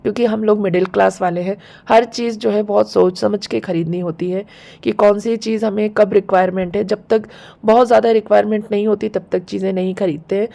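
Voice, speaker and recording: A woman with a sore, hoarse throat chatting casually through a home vlog, explaining things step by step. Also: medium pitch, steady tone, fairly quick, mellow. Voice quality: gravelly, husky. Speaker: home vlogger.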